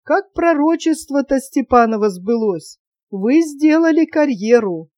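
A woman's voice: on the high side, sing-song, a little slow, dark tone, no echo. A woman voicing a reserved young man of modest means in a storybook reading, giving short, plain replies.

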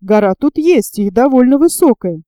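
A woman reading the part of a calm, encouraging male journalist. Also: on the high side, moderate pace, no echo, clean studio sound, close to an everyday voice.

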